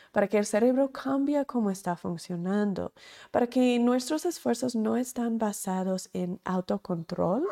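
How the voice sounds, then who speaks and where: A woman's voice: medium pitch, mellow. A woman, teaching a recorded course in an earnest, repetitive, emphatic way. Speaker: course instructor.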